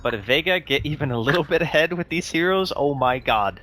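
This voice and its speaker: A man's voice: a little high, expressive, brisk, noisy background. A man commentating a live esports match, chatty and analytical, breaking down picks and lanes.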